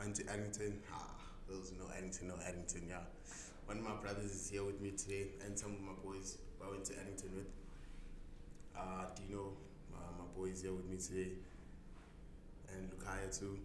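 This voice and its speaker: A young man chatting casually as a podcast guest, full of slang and sudden excited outbursts. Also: deep voice, moderate pace. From South Africa. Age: young adult. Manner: laid-back, lots of slang and repeated "bruh", bursts of excited shouting. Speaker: podcast guest, rugby player. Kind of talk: casual chat. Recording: echoey room with background noise.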